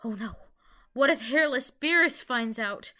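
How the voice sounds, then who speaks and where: A woman's voice: fairly high pitch, huge pitch swings, measured pace, sharp tone, heavily acted. A woman voicing a male chaos spirit, pompous and frantic, in a fan audio play. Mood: panicky.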